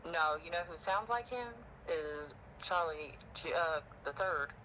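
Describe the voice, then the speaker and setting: A man's voice: a little high, expressive, unhurried, bright, forceful tone, a little hiss or hum. A man telling stories on a phone call in a rambling, emotional way. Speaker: witness. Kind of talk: casual phone conversation.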